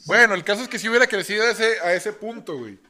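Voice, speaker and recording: An animated man with a northern Mexican accent talks on a casual podcast, full of slang and swearing. His voice sits a little high, and he pushes his points with energy. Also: fast talker. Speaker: podcast co-host. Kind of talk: casual chat.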